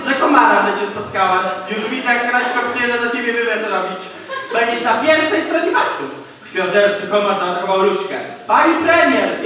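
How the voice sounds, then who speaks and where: A man's voice: high voice, pushed and bright. A teenage boy playing a coarse, grumpy rural husband in a school stage comedy sketch, teasing his wife in crude slang. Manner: gruff, mocking, crude slang. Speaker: student actor in a school cabaret sketch. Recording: distant, echoey hall with audience. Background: audience laughter.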